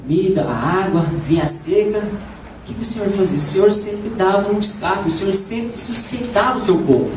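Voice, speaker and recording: Preacher guy, a little hoarse, far from the mic in a roomy church, noisy background. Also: high voice, moderate pace. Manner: lively, frequent "né?" asides, rising to shouts. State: slightly hoarse. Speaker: evangelist preacher. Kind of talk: sermon. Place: church hall. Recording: echoey church room, voice from far off, background noise.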